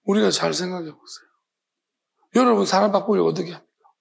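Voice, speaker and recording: A man delivers an evening sermon as a pastor. His voice is gravelly and husky, and he presses his points with rhetorical questions, sometimes acting out the voices of imagined people. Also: sits high, fast talker.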